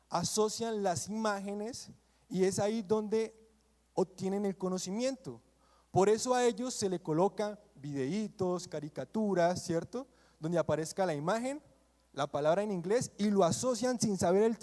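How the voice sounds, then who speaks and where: Young male preacher from Colombia, high voice, mellow tone, call-and-response sermon in a church hall with long reverb. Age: 20s. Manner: call-and-response, asking the congregation to repeat and answer.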